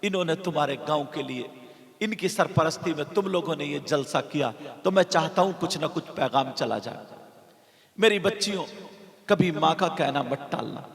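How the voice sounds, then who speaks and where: A man preaching a dramatic sermon at a village gathering, moving between chanted high cries and hushed low speech. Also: normal speed, creaky. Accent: North Indian Urdu-Hindustani. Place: outdoor religious gathering with stage, heard through loudspeakers. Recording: echoey PA sound with long reverb.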